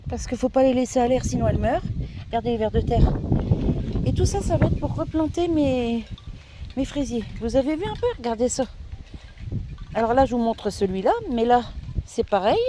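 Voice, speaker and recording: A woman's voice: on the high side, dark tone. Woman gardener, chatty, winded and congested, outdoors with light wind. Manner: chatty, showing viewers around, sniffly. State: a bit out of breath, stuffy nose. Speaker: gardening vlogger. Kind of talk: casual garden vlog. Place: outdoors in a garden by a greenhouse, windy. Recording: faint wind noise outdoors.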